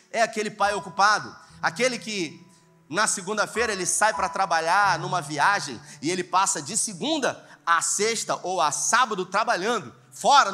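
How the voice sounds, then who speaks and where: A pastor delivers a sermon in a fairly high male voice. He swings from loud, punchy emphasis to soft, hushed asides. Music plays clearly beneath him.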